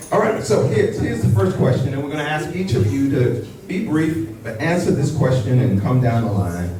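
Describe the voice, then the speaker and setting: A man moderating a panel discussion, lively and coaxing, joking with the panelists. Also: lowish voice, slight background noise. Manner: lively, coaxing, quick to joke. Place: event hall. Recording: echoey hall, mic from far off.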